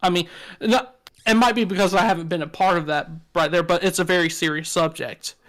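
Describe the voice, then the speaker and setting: A podcast co-host with a Southern accent keeps the casual talk joking and frank, with frequent swearing. He speaks briskly in a high, steady, slightly bright voice.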